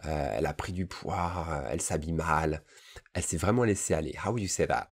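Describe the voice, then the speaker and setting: Deep-voiced male teacher, bilingual lesson, casual and repetitive delivery, checks in often. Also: breathy edge. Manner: explains in French, models English phrases slowly and repeats them; casual asides with frequent "d'accord?" checks. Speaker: English teacher.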